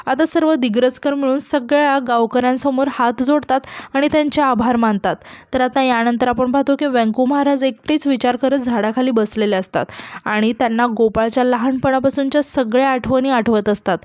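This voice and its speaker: Lady telling what happened in the episode, highish voice, dry close sound. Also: no echo. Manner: steady storytelling, reading out characters' lines plainly. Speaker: narrator recapping a TV serial episode. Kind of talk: scripted narration.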